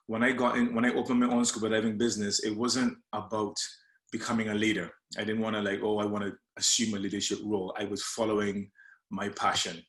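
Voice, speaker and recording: A man's voice: fairly low pitch, a bit bright, reverberant. A man from Barbados, a coach giving a friendly leadership presentation with slides, often hesitating with fillers and restarts.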